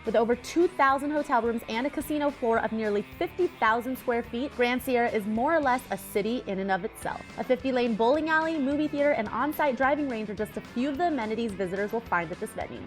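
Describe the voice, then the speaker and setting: A woman commentating a televised poker final table, giving upbeat, clear play-by-play. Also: a little high, quick pace, hardly any pauses, soft background music.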